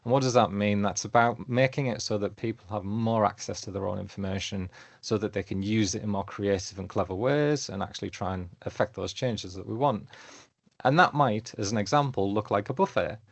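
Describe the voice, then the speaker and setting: A man giving a webinar presentation on his work, lively and fond of analogies, often putting questions to the audience. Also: lowish voice, a little fast, vocal fry, no room sound. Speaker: webinar presenter, council data lead.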